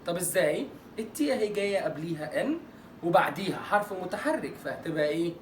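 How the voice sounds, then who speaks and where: Man, Egyptian Arabic accent, English teacher, brisk, joking, stretches example words, echoey room with faint hiss. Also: high voice, big pitch swings, distant mic. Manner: playful, joking, drawing out example words slowly. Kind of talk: online lesson.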